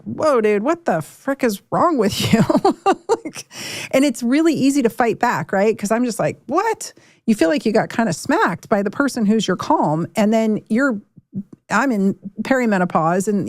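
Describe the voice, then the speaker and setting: A woman's voice: medium pitch, darkish tone, no echo. Chatty candid woman doctor, dry sound. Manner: candid, chatty, frequent restarts and mock quotes. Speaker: podcast host and doctor. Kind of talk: casual health talk.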